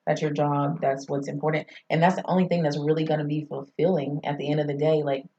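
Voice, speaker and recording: Woman from Arkansas, very low voice, reflective guest, echoey muffled audio. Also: flat delivery, fast talker, dark tone. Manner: reflective, rambling talk. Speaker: podcast guest, photographer. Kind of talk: casual chat. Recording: roomy, slightly muffled podcast audio.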